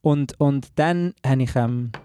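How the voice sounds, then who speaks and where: A man's voice: mid-range voice, takes it slowly, dark tone, clean tone, no echo, studio quality. A young man with a Swiss German accent, a podcast co-host telling a story in a rambling, self-mocking way, mixing in English slang. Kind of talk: casual chat.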